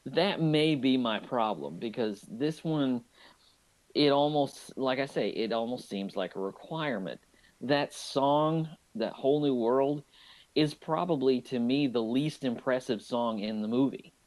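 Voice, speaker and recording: A man co-hosting a movie podcast, chatting casually and enthusiastically about an animated film, often restarting his sentences. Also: mid-range voice, measured pace, rough recording. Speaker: podcast co-host.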